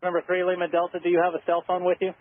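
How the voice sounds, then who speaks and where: Over aviation radio, a man working as an air traffic controller gives procedural instructions steadily, with halting pauses. His voice sits high, and the sound has a phone-like quality.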